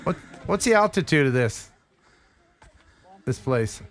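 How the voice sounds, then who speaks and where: Speaking into a headset from an indoor home studio, this American host in his fifties runs a video call interview with lots of enthusiasm, frequent exclamations and laughter. His medium-pitched voice is very animated and a bit bright, at a measured pace, with faint music behind him.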